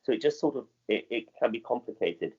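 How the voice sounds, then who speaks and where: Through dull audio, a middle-aged theatre director with a modern British accent talks conversationally in an interview, hesitating and often repeating or rephrasing his words. His mid-range voice is animated, husky, and darkish in tone.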